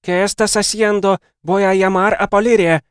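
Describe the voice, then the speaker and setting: A man's voice: sits high, steady tone, a little fast, clear, resonant tone, no echo, clean studio sound, voice pushed up, lightly acted. A man voicing a fierce, determined grown woman in an audiobook, speaking urgently and commandingly in a raised voice. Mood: shouting. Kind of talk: audiobook character voice.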